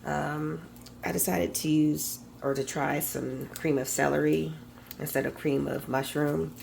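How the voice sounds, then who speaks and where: A woman with a naturally raspy voice, hoarse from a cold, chatting softly and haltingly in a casual cooking vlog from her kitchen. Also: deep voice, steady tone, background noise. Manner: soft, halting, lots of ums. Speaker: cooking vlogger. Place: home kitchen.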